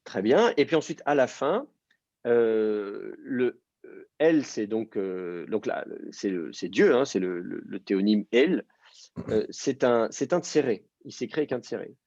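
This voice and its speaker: A man's voice: on the low side, lively intonation, measured pace, darkish tone, dry recording, dull audio. A man teaching a language class, explaining step by step and quizzing his student. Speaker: Hebrew teacher. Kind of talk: live class instruction.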